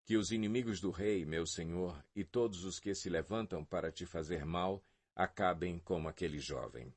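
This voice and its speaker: A man's voice: low voice, moderate pace, slightly rough, no room sound. A man reading the lines of a foreign messenger formally addressing a king, in a Bible audio reading. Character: foreign male messenger with news.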